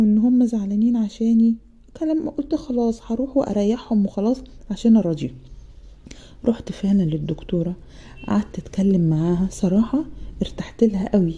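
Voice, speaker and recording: A woman with an Egyptian accent narrating her own sad story in the first person, soft and hushed, repeating words for emphasis. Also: medium pitch, slightly rough, lo-fi sound. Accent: Egyptian Arabic. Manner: soft, hushed and repetitive, dwelling on sorrow.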